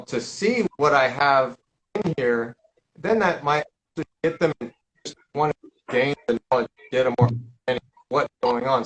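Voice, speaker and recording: A man hosting a live question-and-answer stream, talking loosely in a rambling, halting way with many fillers and restarts. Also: mid-range voice, low-quality recording. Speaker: paranormal investigator hosting a live Q&A. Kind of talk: casual live-stream chat.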